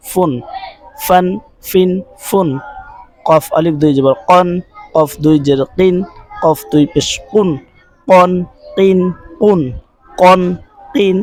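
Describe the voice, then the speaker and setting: A man with a fairly high voice teaches a recitation class, chanting syllable after syllable in a steady drill and lifting his pitch on each recap. The sound is close and dry, with no room behind him. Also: no room sound, rough recording. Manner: patient, asks listeners to repeat after him. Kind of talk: recorded online class.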